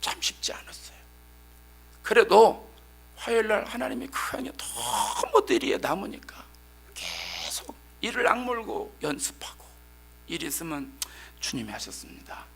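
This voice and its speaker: A middle-aged male pastor preaching a sermon, telling a story in an animated, emphatic way that sometimes turns to shouting. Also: high-pitched, unhurried, creaky, slightly rough.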